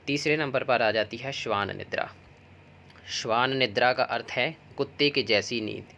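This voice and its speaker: A man's voice: mid-range voice, fairly bright tone, a little hiss or hum. Man teaching a Hindi exam prep lesson. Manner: explanatory, uses mnemonics and stories.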